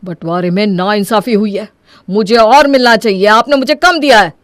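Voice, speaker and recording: A woman voicing a hot-tempered young man who demands his share and bosses his family around, in an animated story. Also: medium pitch, normal speed, no echo, clean studio sound, close to an everyday voice. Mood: demanding. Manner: bossy, domineering.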